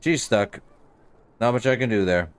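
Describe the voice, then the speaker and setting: A man's voice: medium pitch, normal speed, clear, resonant tone. A man doing casual let's-play commentary, offhandedly reacting and muttering to himself as he plays. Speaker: game streamer.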